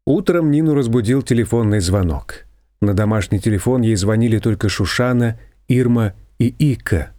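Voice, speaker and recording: A man's voice: lowish voice, normal speed, warm tone, no room sound, studio quality. A man narrating an audiobook in a wry storytelling manner.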